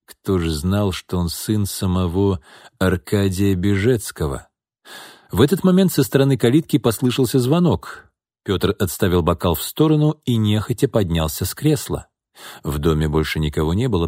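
Low, dark-voiced male audiobook narrator. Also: no echo, studio quality. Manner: measured, even reading. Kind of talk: scripted narration.

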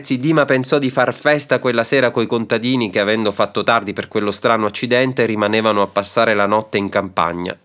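A man narrating a classic short story aloud in a measured, expressive reading. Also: medium pitch.

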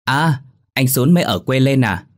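A man's voice: medium pitch, expressive, moderate pace, pitched above the performer's own voice, close to an everyday voice. A man voicing a playful, teasing young girl who is secretly a ghost. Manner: playful, coy.

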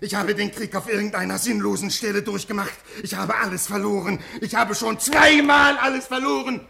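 Desperate man of fifty in classic radio play; pleading, voice rising, rough edge. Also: high-pitched, fairly even intonation, fairly quick, full character voice. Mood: bitter. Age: 50s. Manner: pleading, swinging from quiet to raised. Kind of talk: classic radio drama acting.

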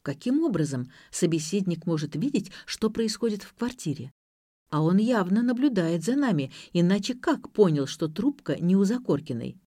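A woman tells a first-person story in a lively, expressive way, and her pitch moves a lot. The recording is dry and close to the mic. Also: normal speed, no room sound. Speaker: narrator. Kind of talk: audiobook narration.

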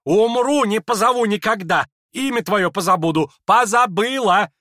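A man voicing a shrill, furious old noblewoman. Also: expressive, moderate pace, a bit bright, dry recording, clean studio sound. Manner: shrill, scolding, impetuous outbursts. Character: hot-tempered proud older noblewoman. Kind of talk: dramatized audiobook reading.

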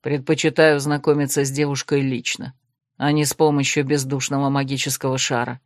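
A woman voicing a stern, aloof young male necromancer in an audiobook, speaking calmly and with restraint. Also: a bass voice, brisk, no room sound, studio quality, pitched below the performer's own voice. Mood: restrained.

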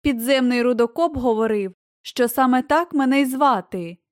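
A woman's voice: high-pitched, moderate pace, no room sound, clean studio sound, close to an everyday voice. A woman voicing a meek, childlike giant man who speaks in a trembling voice in a storybook reading. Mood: timid. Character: timid giant male ex-ruler, childlike and meek.

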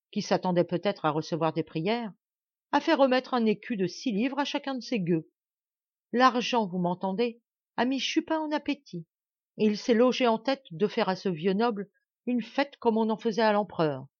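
A woman's voice: fairly high pitch, expressive, normal speed, no echo, close to an everyday voice. Woman reading as raging robust peasant lad, scornful, raised voice, dull dry recording. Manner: heated, scornful outburst. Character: angry young male peasant, robust and furious.

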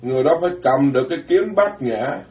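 Outspoken monk lecturer, mid pitch, heard from a distance in an echoey space. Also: male voice, animated, a little mellow. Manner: blunt, plain-spoken, switches between quick and slow emphatic phrasing. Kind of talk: dharma talk. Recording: roomy, distant mic.

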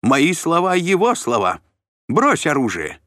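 A man voicing a short, self-important male official who shrieks orders in a shrill, pompous way, in an audiobook reading. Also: very animated, a little slow, no echo, clean studio sound. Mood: shrill commanding.

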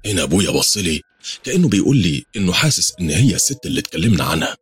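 A man's voice: deep voice, sing-song, very fast, slightly rough. A man with an Egyptian accent narrating a first-person horror story in a tense, dramatic way. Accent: Egyptian Arabic.

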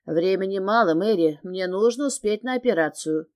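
A woman reading the part of a husband who is a doctor, speaking curtly and gruffly in her own mellow voice. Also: medium pitch, lively intonation, moderate pace, natural voice. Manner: gruff and curt.

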